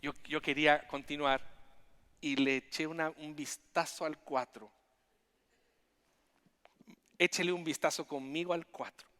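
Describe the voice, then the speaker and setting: A man preaching a sermon as pastor, animated, with frequent restarts and repetitions. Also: on the high side, a little slow, long pauses, in a large hall. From Chile. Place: church sanctuary.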